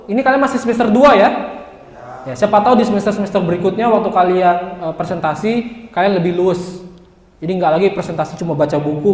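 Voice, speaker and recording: Male lecturer, lively and joking, high voice, long reverb. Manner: lively, joking, addresses students directly. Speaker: university lecturer. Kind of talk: classroom lecture. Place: classroom. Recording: echoey room with long reverb.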